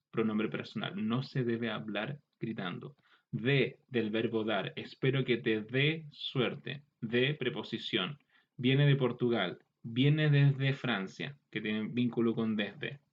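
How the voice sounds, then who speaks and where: A man teaching a grammar lesson, repeating example words and adding quick asides. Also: mid-range voice. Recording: slightly dull lo-fi recording.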